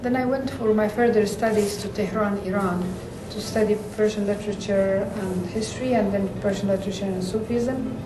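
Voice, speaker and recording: A woman gives an interview and picks her words slowly, with many pauses and fillers. She sounds distant from the mic, and her voice rings in an echoey room with clear noise behind it. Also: medium pitch, fairly even intonation. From Afghanistan. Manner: hesitant, many fillers, thoughtful. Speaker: interview guest.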